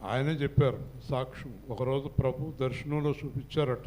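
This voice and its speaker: A middle-aged pastor preaching a sermon, swinging from quiet storytelling to loud, impassioned passages. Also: male voice, mid-range voice, steady tone, normal speed, slight background noise.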